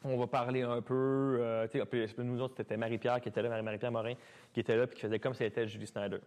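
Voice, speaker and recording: A man in his thirties with a Québécois accent, telling stories as a guest in a casual chat, animated and full of restarts. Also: medium pitch. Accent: Québécois French. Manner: fast, animated talker with many restarts. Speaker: guest dancer.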